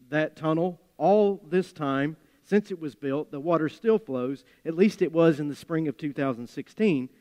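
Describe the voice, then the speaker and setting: A male preacher with an Appalachian accent delivers a sermon in a somewhat high voice. His phrasing is deliberate and emphatic, with folksy storytelling touches. The sound carries the long reverb of a large hall. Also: a little mellow. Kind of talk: sermon with scripture reading and storytelling.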